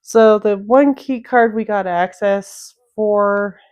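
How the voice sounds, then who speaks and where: Woman, gameplay walkthrough commentator, clear voice, slow easygoing explaining. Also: medium pitch, a little mellow, dull audio. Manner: unhurried, explanatory, thinking aloud. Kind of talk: casual game walkthrough commentary.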